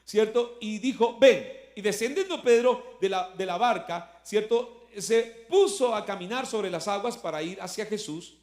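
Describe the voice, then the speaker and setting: A man's voice: sits high, normal speed, few pauses, darkish tone, roomy sound. A male pastor, preaching a sermon in a conversational way, full of rhetorical questions, and rising in force when he quotes scripture. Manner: voice swells when quoting scripture.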